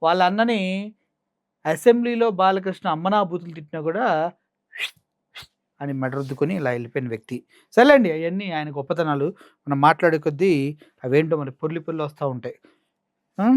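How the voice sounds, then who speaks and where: A man's voice: a little high, lively intonation, fairly quick, long pauses, no echo, studio quality. A man with a Coastal Andhra Telugu accent giving mocking, sarcastic political commentary. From Andhra Pradesh.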